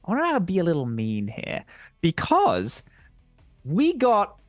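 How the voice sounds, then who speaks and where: A man narrating as game master in a tabletop game stream, animated and laughing as he goes. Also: high voice, measured pace, no room sound, soft background music. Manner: animated, laughing, restarts often.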